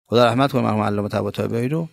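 A man with an Iranian Persian accent preaches in a loose, conversational way, his voice gravelly with a steady creak. He pushes key lines up with emphasis, then lets other phrases sink low and slow. The sound is dry and close, with no room around it. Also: no room sound. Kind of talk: colloquial religious sermon.

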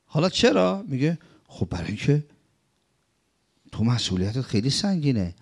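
A man delivers a sermon-style commentary in a gravelly, mid-pitched voice. He keeps asking his listeners rhetorical questions and repeats key words. His delivery jumps between emphatic, raised phrases and quiet, low ones. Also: very animated. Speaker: religious teacher.

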